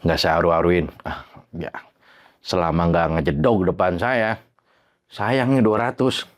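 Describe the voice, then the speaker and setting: A man telling his own horror story in a casual, slangy way. He swears freely and acts out the bangs and creaks he heard. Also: low voice, unhurried. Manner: animated, imitates sounds like bangs and creaks.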